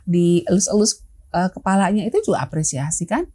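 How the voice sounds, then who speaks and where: A woman guest in an interview explains child-rearing, hesitating with many fillers and acting out little parent-and-child exchanges as examples. Her lowish voice is warm with a breathy edge, swings widely in pitch and moves at a moderate pace.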